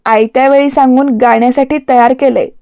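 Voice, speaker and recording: A woman's voice: high voice, steady tone, brisk, a little mellow, no room sound, studio quality. A woman reading as a suspicious young man.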